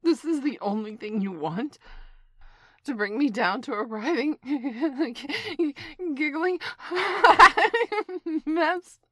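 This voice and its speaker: A woman's voice: sits high, expressive, extremely slow, fairly bright tone. A woman in an acted audio roleplay, out of breath and pleading between giggles. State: out of breath from laughing.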